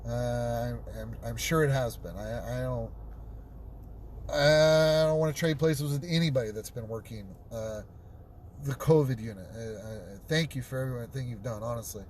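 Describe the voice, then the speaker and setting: A man hosting a call-in show while driving, reading viewer comments out loud and chatting casually, often stumbling and repeating words. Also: mid-range voice, a little hiss or hum. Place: inside a car, driving.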